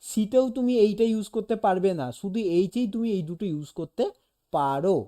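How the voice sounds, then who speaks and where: Patient tutor, dark mellow tone, talks a student through a lesson and sounds out examples. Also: medium pitch, expressive, fairly quick. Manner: explains patiently, demonstrates sounds aloud, keeps checking "okay?". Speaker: animation teacher. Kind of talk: casual one-on-one lesson.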